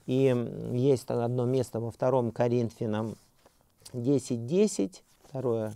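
Gravelly-voiced man lecturing hesitantly. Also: mid-range voice, dark tone, dry recording. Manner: hesitant, many fillers and restarts, slows to read scripture aloud. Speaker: seminary lecturer. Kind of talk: unscripted academic lecture.

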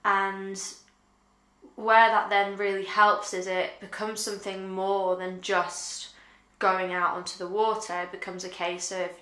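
A young woman talking earnestly and reflectively to camera in a casual vlog, pausing often with fillers, seated on a sofa at home. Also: mid-range voice, level tone, a bit bright, echoey room. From United Kingdom. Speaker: vlogger. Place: living room with sofa, indoors.

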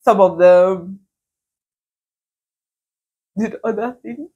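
A woman's voice: mid-range voice, very slow, warm tone, husky, lo-fi sound. A woman with a Nigerian accent giving casual reaction commentary in a giggly, self-mocking way. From southeastern Nigeria. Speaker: YouTuber.

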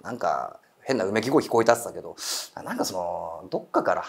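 A man's voice: low-pitched, sing-song, fast, gravelly. A man telling a ghost story in casual chat, acting out quoted voices and eerie murmurs. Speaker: guest storyteller.

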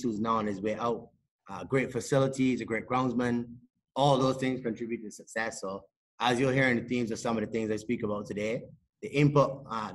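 A man, talking as a podcast guest on a video call in a small room, measured and modest, with many fillers. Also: on the low side. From Barbados. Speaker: sports psychologist and cricket coach, podcast guest. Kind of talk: casual interview talk. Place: indoors, small room with a plain wall.

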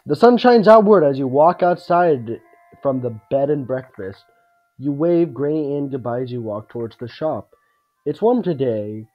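A man's voice: mid-range voice, lo-fi sound. A man reading a video game's story narration aloud as he plays. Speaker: gaming video creator, player. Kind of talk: scripted narration of game text read aloud.

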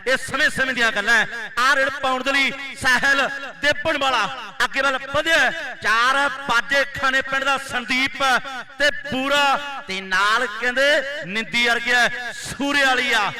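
A man's voice: very high-pitched, steady tone, moderate pace. A man giving frantic rural kabaddi commentary, declaiming and repeating his phrases. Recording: loud crowd at outdoor match.

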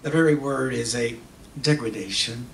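On a theater stage, a middle-aged man stands at a podium with a microphone on a stand, reading a theatrical dramatic monologue from a script. His medium-pitched voice with vocal fry is expressive and emphatic, with deliberate pauses, switching between English and Spanish. The recording is echoey, picked up from far off in the hall, with faint noise.

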